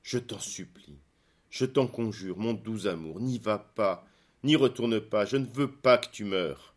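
A man's voice: fairly low pitch, expressive, moderate pace, husky. A man voicing Andromache, a loving, anxious young wife and mother, speaking in a pleading, emotional way.

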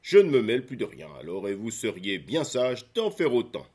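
A man voicing the king of the gods in a storybook reading, speaking loudly, hastily and dismissively. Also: medium pitch, huge pitch swings, normal speed, slightly rough. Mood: hasty. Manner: loud, hasty and dismissive. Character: king of the gods, loud and hasty.

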